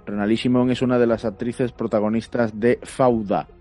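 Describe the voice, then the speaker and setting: A man's voice: medium pitch, flat delivery, normal speed, dark tone. A man chatting casually as a podcast panelist. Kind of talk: casual chat. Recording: music behind the voice.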